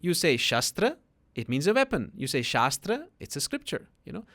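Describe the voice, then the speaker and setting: Patient man explaining calmly. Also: on the high side, fast. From Netherlands. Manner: patient, teacherly, often adds a questioning "no?". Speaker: guest spiritual teacher. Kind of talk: explanatory podcast conversation.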